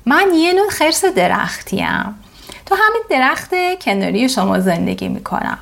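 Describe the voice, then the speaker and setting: A woman voicing a gentle, brave koala in a children's bedtime story, speaking in a reassuring storybook voice. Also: on the high side, huge pitch swings, creaky, exaggerated voice. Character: gentle friendly koala, tree bear, brave.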